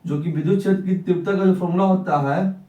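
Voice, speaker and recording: A man's voice: sits high, fairly even intonation, fast talker, mellow, highs cut off. A young man teaching a physics class, who keeps asking questions and answering them himself. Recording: echoey room, mic at a distance.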